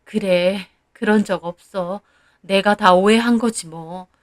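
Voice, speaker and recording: A woman's voice: fairly high pitch, measured pace, fairly bright tone. Woman voicing a sulky older mother-in-law. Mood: resigned. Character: sulking older mother-in-law, plaintive and accusing.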